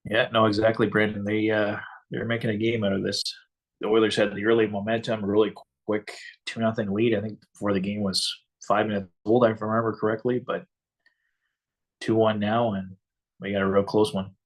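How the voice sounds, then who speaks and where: A man's voice: on the low side, flat delivery, a little fast. A man from Canada co-hosting a casual fan stream, chatting easily and reading out viewer comments. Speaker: co-host of a fan game-watch stream. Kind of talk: casual live game chat.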